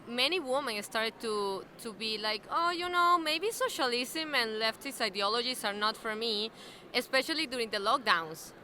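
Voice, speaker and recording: A woman with a Venezuelan Spanish accent and a bright, slightly high voice, explaining herself earnestly and dropping in soft "eh" fillers. A faint hum of a busy convention hall sits behind her. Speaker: interviewee, alliance member. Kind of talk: casual interview chat.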